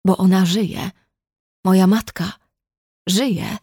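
A woman's voice: mid-range voice, fairly even intonation, slow, dark tone, breathy edge, dry recording, clean studio sound. A woman voicing a wounded, bitter young red-haired woman who makes tearful, cutting accusations in an audiobook. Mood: accusing.

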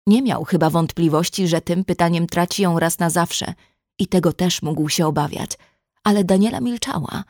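Low-voiced woman narrating a novel. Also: moderate pace, darkish tone, no room sound, clean studio sound. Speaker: audiobook narrator.

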